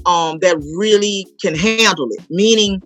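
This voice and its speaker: With a measured pace and a mid-range, fairly bright voice, a woman in her 40s from New Orleans, United States, talks as an interview guest. A playwright and stage actor, she tells stories emphatically and repeats herself in this casual promotional chat.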